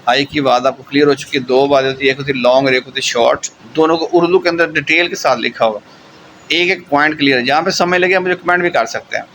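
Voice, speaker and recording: A man gives an online German lesson with a bright, clear tone, drawing out words slowly and pausing often to check that students follow. Faint traffic hums in the background. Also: on the high side, rough recording. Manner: slow, drawn-out explaining with frequent "theek hai" check-ins. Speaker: German teacher.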